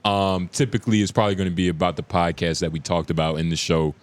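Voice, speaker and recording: A man's voice: sits low, fairly even intonation, quick pace. A man co-hosting a casual podcast, talking in a laid-back, drawling way and swearing freely. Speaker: podcast co-host. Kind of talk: casual chat.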